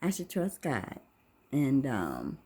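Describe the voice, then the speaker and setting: This channel host, a woman in her fifties, has a very deep, dark, husky voice that swings hugely in pitch as she speaks unhurriedly. Her casual monologue to camera wanders and muses, always returning to faith.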